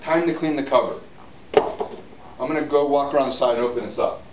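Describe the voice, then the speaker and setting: A man's voice: mid-range voice, brisk, background noise. A man in his forties, a hot tub store owner, giving a casual, upbeat how-to demo while moving around and gesturing. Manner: chatty, upbeat, walks and gestures while explaining. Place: spa showroom, indoors, large. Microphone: camera on tripod at a distance. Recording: roomy showroom audio, camera mic from a distance.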